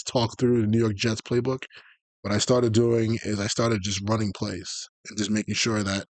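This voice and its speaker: Recorded dry, this fairly low-voiced man lectures on video game tactics over a live stream. His style is relaxed and chatty, often wandering off on tangents mid-explanation.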